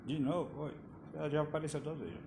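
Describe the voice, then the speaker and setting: A man's voice: on the high side, fairly quick, creaky. A man hosting a casual live stream from his phone, greeting viewers and checking the sound. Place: room with air conditioning. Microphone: phone camera. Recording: roomy phone recording with faint room noise. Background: air conditioner hum.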